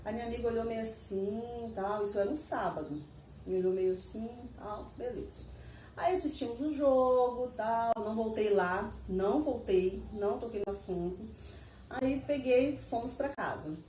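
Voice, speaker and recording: A woman casually telling her viewers a personal story, animated and repetitive, laughing as she goes. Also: on the high side, moderate pace, a little hiss or hum. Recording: echoey room, mic at a distance.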